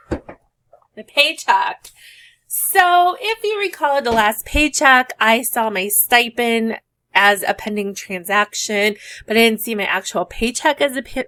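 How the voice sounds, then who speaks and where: A woman's voice: medium pitch, fairly bright tone. A woman teacher chatting casually as she works through savings challenges on her vlog, thinking aloud as she goes. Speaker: teacher and budgeting vlogger. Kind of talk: casual chat while doing savings challenges.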